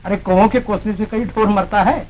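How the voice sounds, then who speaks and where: An actor playing a boastful, mocking moneylender in a 1940s film. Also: male voice, high-pitched, fairly even intonation, brisk, lightly acted. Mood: gloating. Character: gloating greedy middle-aged male moneylender. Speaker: greedy landowner. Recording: dull old film soundtrack with hiss.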